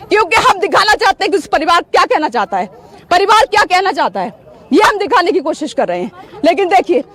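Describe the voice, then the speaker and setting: A woman's voice: extremely high pitch, fairly bright tone. A woman field reporter giving a live news report outdoors, insistent and emotional, repeating her demands. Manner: emotional, voice breaking at times. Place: outdoors at a police barricade.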